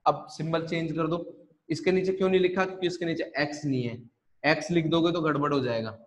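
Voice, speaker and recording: Somewhat high-voiced for a man, this online math teacher talks a little fast with fairly even intonation. He explains step by step and repetitively, restating the key rules and posing questions to the class that he answers on his own.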